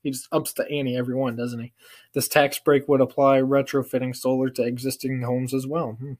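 Here the young American vlogger sounds medium-pitched, a bit fast and somewhat mellow, with a flat delivery. Amused and slangy, he chuckles while commenting casually on his prank calls from a small living room indoors. The mic is a webcam at arm's length.

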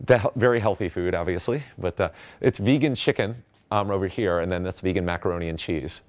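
Deep voiced guy giving an excited rambly talk on a festival stage, lots of ums. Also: brisk. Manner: enthusiastic, chatty, frequent fillers and restarts. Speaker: conference speaker. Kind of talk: casual presentation talk with slides.

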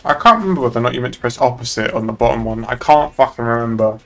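A young adult man talks very fast in a mid-range, slightly bright voice, with soft music in the background. Streaming a game where he plays a police officer in online roleplay, he chats casually and bluntly, swearing a lot.

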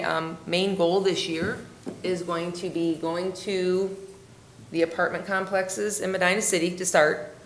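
Woman in her 40s talking to city council about cat rescue, low gravelly voice, echoey chamber, lots of ums. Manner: earnest, halting with fillers and restarts. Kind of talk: public comment at a council meeting. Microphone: desk microphone, camera at a distance.

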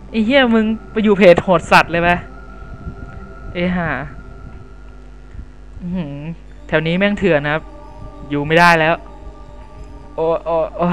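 Foul-mouthed young man yelling at a game. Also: high-pitched, poor audio. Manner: crude, loud swearing outbursts and jokey asides to viewers. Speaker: gameplay commentator. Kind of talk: horror game let's play commentary. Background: game music.

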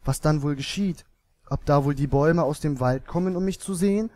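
Storybook fir tree, lonely and hopeful, read by a man; earnest, wondering, a touch high. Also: brisk, a little mellow, dry recording, lightly acted. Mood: yearning. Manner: wondering, earnest inner questions.

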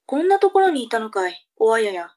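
A woman's voice: a little high, sing-song, fairly quick, a little mellow. A woman playing a bossy, scolding mother in a comic tongue-twister reading drama. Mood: brisk, instructing. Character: bossy, scolding mother sending children on errands.

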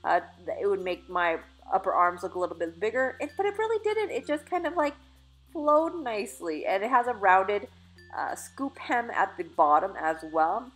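With faint music behind her, a fashion vlogger in her thirties chats through trying on clothes in a store dressing room, her phone camera aimed at the mirror. Her mid-range voice has a sing-song lilt at a moderate pace, and her upbeat, casual talk includes fillers and self-corrections.

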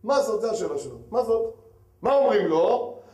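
A man, a rabbi giving a lively lecture who keeps asking his audience questions and swings between loud and hushed. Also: high-pitched. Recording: echoey hall.

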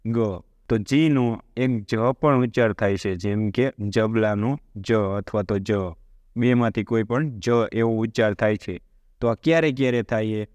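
A man's voice: fairly low pitch, unhurried, a little mellow, no room sound. A man with a Gujarati accent teaching a spoken English lesson, explaining step by step and putting questions to his listeners.

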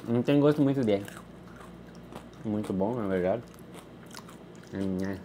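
Low-voiced woman chewing while talking. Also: a little slow, background noise. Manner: chatty, frank verdicts. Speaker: snack taste-test co-host. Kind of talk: casual food review chat.

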